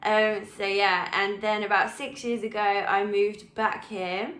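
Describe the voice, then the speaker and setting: A young woman with a London accent talks to camera in a loose, rambling way, full of ums and little asides. Her voice sits at an ordinary mid pitch. The room around her is noticeably echoey. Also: little pitch movement, unhurried, fairly bright tone. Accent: English, London. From England. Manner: chatty, rambling, with frequent ums and laughs. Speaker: personal trainer. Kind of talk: casual chat to camera.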